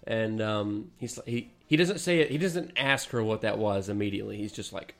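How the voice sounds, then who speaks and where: A man's voice: fairly low pitch, moderate pace. A man co-hosting a casual podcast, animatedly retelling a movie with swearing and laughter. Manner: animated storytelling, swearing, laughing mid-story. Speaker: podcast co-host. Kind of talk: casual chat.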